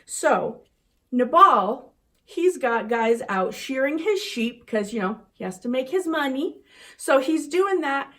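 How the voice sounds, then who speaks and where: A young woman teaching a children's church lesson, telling a Bible story in an animated, chatty way. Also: high voice, takes it slowly.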